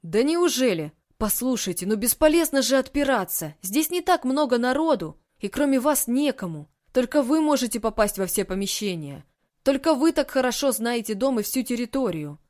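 A confident young amateur detective who corners his suspect with sly, insistent questions, voiced by a woman reading the audiobook. The tone sits a little higher than a plain reading voice and never lets up. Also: expressive, moderate pace, a little mellow, lightly acted. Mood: pressing. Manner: pressing, sly, mock-folksy. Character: confident young man, a shrewd amateur sleuth.

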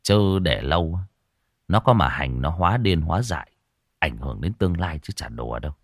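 A man's voice: a bass voice, animated, normal speed, no echo, studio quality, pitched below the performer's own voice, full character voice. A man voicing a brash young exorcist who talks bluntly and brusquely.

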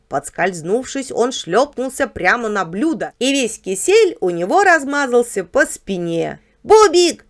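Lively woman reading a children's story. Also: a little high. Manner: lively, expressive telling. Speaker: narrator.

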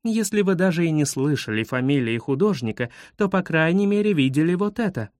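A man's voice: fairly high pitch, expressive, fairly quick, darkish tone, no room sound, clean studio sound, natural voice. A man voicing an indignant woman museum guide in a storybook reading, theatrical and easily outraged. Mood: pompous.

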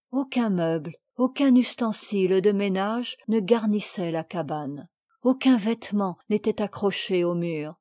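A woman reading a classic children's novel aloud with measured, expressive storytelling. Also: medium pitch, no echo, clean studio sound. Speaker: audiobook reader.

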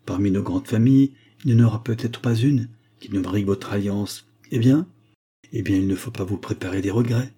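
A man voicing a calm, gentle young Venetian noblewoman in an audiobook reading, speaking softly and earnestly. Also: lowish voice, a little fast, husky. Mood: tender.

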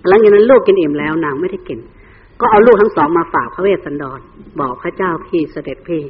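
A man's voice: high-pitched, slightly rough. A man, a Buddhist monk telling a story in a sermon and acting out the figures. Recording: tinny phone-like recording.

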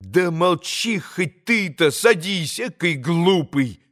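A fiery young woman, as a male narrator puts her on, snapping out orders in a raised, sharp voice. She sounds imperious and quick to anger, pitched above the reader's own tone. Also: expressive. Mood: commanding.

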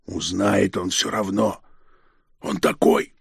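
A man giving voice to a cowed ex-convict peasant who mutters his answers low and grudging, at times in a whisper. The voice is gravelly and husky, recorded close and dry for an audiobook. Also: steady tone, slow pace, no room sound, exaggerated voice. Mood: muttering. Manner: muttering, grumbling, sometimes whispering. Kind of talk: audiobook character reading.

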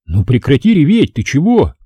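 A man's voice: on the high side, huge pitch swings, moderate pace, warm tone, breathy edge, no echo, voice pushed up, exaggerated voice. A man reading an audiobook, voicing a young soldier who speaks brashly and impatiently, in slang. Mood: agitated. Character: blunt young soldier son.

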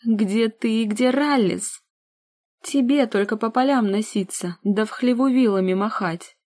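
A woman's voice: medium pitch, fairly even intonation, normal speed, dark tone, no room sound, natural voice. A woman voicing a spoiled, capricious young woman who shrieks and sneers at her sister in an audiobook. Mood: indignant shrieking.

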